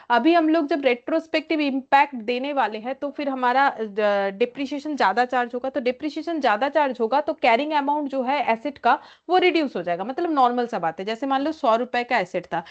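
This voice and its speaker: A woman teaching an accounting class. She reads English questions slowly and explains them in Hindi, often checking in with "theek hai". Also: sits high, highs cut off. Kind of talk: classroom lecture.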